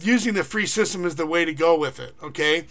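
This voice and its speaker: A middle-aged man with a high, bright voice walks viewers through a money-making pitch. He rambles and hesitates, full of uhs and restarts. He rattles off long lists of payment figures. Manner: rambling, filler-heavy, reads figures off in a quick list. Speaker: online income marketer and teacher. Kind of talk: casual screen-recorded pitch.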